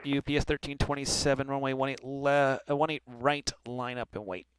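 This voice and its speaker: A man's voice: mid-range voice, fairly even intonation, fairly quick. A man working as an air traffic controller, giving clipped formal instructions with occasional informal asides. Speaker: air traffic controller in online flight simulation.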